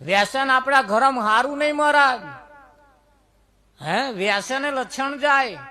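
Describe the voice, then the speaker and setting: A male preacher delivers a folksy moral sermon full of stories. His voice sits very high and bright, with a forceful, tense edge. He keeps pressing the listeners with rhetorical questions. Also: measured pace. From Gujarat.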